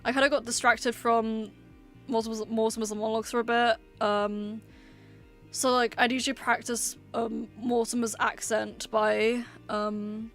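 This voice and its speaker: A woman's voice: fairly high pitch, little pitch movement, measured pace. A woman streamer chatting casually, rambling and hesitant with lots of "um" and "like". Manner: rambling, hesitant, many fillers. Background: faint background music.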